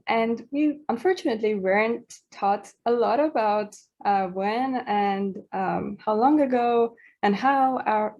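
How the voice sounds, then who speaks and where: A woman's voice: mid-range voice, darkish tone. A woman, giving a talk to students in a hesitant way, with many fillers and small laughs. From Iran. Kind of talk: presentation to students.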